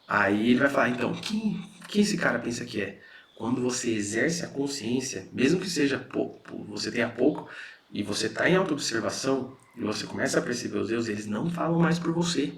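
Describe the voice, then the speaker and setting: A man with a Brazilian Portuguese accent talks through a spiritual lesson in a relaxed, conversational way. His mid-pitched voice has a gravelly edge, and he keeps checking in with his listeners as he explains. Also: fairly quick, a little hiss or hum. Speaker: spiritual teacher.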